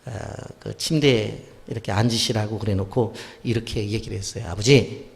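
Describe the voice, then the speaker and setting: A male pastor preaching a sermon, animated, acting out what parents and children say to each other. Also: lowish voice, fairly quick, vocal fry. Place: church sanctuary. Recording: long church hall reverb.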